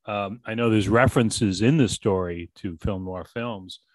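A man from Boston hosting an interview, asking long, halting questions full of restarts. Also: fairly low pitch, no room sound. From Boston, USA. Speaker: radio host.

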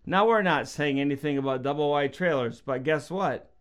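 A man's voice: a little high, moderate pace, clear, resonant tone. A middle-aged man, a preacher, talking casually about faith and telling stories, acting out quotes in a raised voice. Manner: storytelling, acts out quotes in raised voice. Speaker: preacher and podcast guest.

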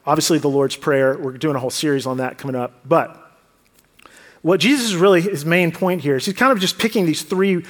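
High-voiced pastor preaching in a reverberant hall. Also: male voice, fairly quick. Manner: earnest, conversational preaching with rhetorical questions. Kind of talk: sermon. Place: church sanctuary. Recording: long church hall reverb.

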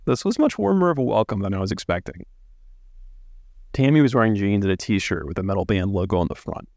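A man from Alabama narrating a true-crime story in a measured, reflective way. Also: lowish voice, animated, darkish tone, no room sound, studio quality. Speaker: podcast narrator.

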